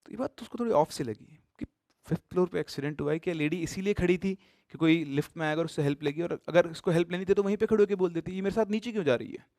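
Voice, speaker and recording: A man telling a horror story casually and animatedly, mixing in English words and swinging between loud suspense and hushed tones. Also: sits high, very fast, no room sound, clean studio sound.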